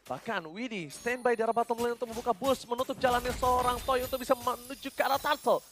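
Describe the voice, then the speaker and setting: A man doing dramatic, excited esports caster play-by-play of a match. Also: extremely high pitch, fast. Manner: excited, dramatic calls rising to shouts. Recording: music behind the voice. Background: music.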